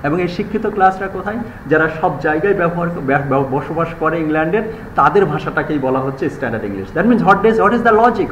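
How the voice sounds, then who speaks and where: A male lecturer with a Bangladeshi accent addresses his students, slowing right down when reading English quotations and rushing through his own explanations. His voice sits a little high. The classroom sound is echoey, with a faint hiss underneath. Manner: switches between rapid Bengali explanations and slow, deliberate English reading. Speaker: university lecturer. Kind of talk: live classroom lecture mixing Bengali and English. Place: university classroom.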